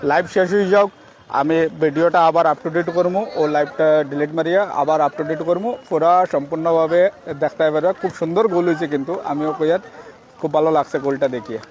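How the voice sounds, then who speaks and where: A man with a Sylheti accent commentating live on a football match from an outdoor ground, chatting with viewers and calling shots excitedly with drawn-out exclamations. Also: fairly high pitch, highs cut off.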